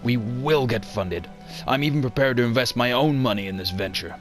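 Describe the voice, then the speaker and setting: In an amateur motion comic, a man with a natural, mid-range voice plays an anxious, stubborn male archaeologist desperate for funding. He speaks briskly but hesitantly, stammering in an earnest, determined mood, while soft music plays underneath.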